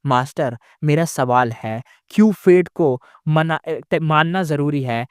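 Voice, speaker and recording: A defiant young male immortal, worn down by grief, speaks with quiet, bitter stubbornness, as a storyteller puts him on. His voice sits fairly high for a man. The sound is dry and close, with no room echo. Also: unhurried, clear, resonant tone, lightly acted.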